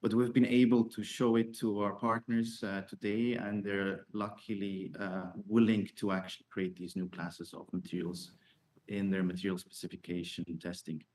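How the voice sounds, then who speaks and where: Male founder in Q&A, lower register, explanatory, halting phrasing. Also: little pitch movement, a little mellow. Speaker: startup founder. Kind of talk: answering investor questions.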